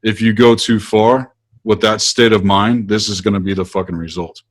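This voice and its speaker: Really deep voiced dude, blunt, swears casually. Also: male voice, fairly even intonation, normal speed. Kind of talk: conversational podcast chat.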